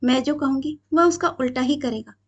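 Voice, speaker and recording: A woman's voice: high-pitched, moderate pace. Brief: woman reading as a worried middle-aged mother, tearful and complaining, storybook reading.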